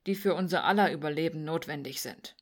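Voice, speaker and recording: A woman's voice: sits low, quick pace. Woman reading a dry, cynical young man. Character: cynical young man from the slums, calm and wry.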